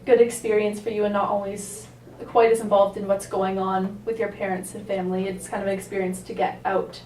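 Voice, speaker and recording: A woman speaking as a calm, supportive therapist, asking gentle questions and affirming answers in a counselling session. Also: medium pitch, brisk. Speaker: counsellor in a practice roleplay session. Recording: roomy, distant mic, faint noise.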